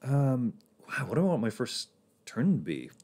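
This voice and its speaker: A man's voice: medium pitch, huge pitch swings, moderate pace, a little mellow. A man casually talking through his moves in a board game on a livestream, rambling and laughing often.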